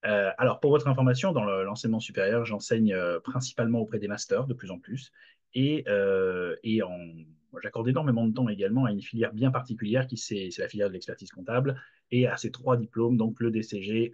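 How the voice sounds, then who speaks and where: A man's voice: on the low side, brisk, a little mellow, breathy edge. Hesitant man on lo-fi call audio. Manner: hesitant, many fillers and restarts. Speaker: university lecturer launching a channel. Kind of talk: casual spoken channel introduction. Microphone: video call recording. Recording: dull lo-fi video call audio.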